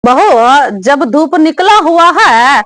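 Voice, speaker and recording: A woman voicing a bossy, aging mother-in-law who nags slowly and scolds in a comic family sketch. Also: high-pitched, lively intonation, fairly bright tone, slight background noise, heavily acted. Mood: contented. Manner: slow, scolding, drawn-out nagging.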